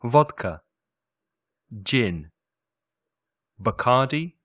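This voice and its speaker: A man teaching English vocabulary in a recorded lesson, slowly drilling words and prompting the listener to repeat. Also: mid-range voice, animated, fairly bright tone, dry recording, clean studio sound. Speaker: language teacher.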